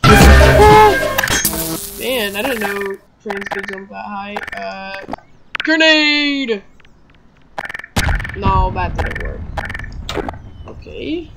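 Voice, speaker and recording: A woman's voice: mid-range voice, extremely slow, creaky, pauses often, over loud music. A woman giving let's play commentary, jumpy and yelping when startled. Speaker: gamer.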